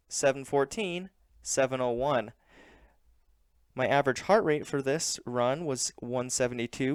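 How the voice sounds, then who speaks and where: Clear-voiced man narrating a training vlog. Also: mid-range voice, dry recording, studio quality. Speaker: running vlogger.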